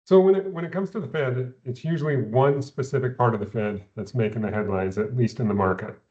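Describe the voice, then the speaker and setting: Guy on a video call, dull muffled audio, steady adviser explaining stuff, repeats words a lot. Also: mid-range voice. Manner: measured, explanatory, with repeated words at phrase starts. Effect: heard over a video call. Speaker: investment adviser. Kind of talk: explaining economics in a recorded company Q&A.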